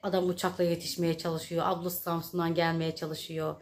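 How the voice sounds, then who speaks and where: A woman's voice: fairly low pitch, little pitch movement, a little fast. A woman in her thirties chatting to her viewers, retelling a day's events in a casual storytelling vlog. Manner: chatty, addresses viewers directly. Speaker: vlogger.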